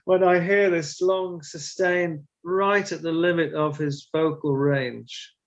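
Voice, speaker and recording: A middle-aged man talking in an interview as a guest, animated and emotional, laughing often and poking fun at himself. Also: a little high, takes it slowly, muffled recording. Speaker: guest, translator and stage performer. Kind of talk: conversational interview.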